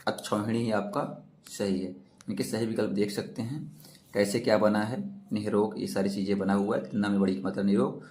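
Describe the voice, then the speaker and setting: A man's voice: fairly low pitch, steady tone, brisk, a little mellow. A man teaching an exam-prep lesson, asking questions and repeating the answers himself.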